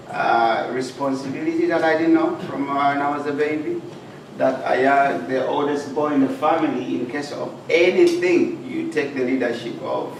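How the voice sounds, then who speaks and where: An earnest Ugandan-born man with a gravelly, medium-pitched voice tells his personal life story as a guest speaker in a club meeting room, speaking plainly with pauses. He's recorded from far away in an echoey, noisy hall.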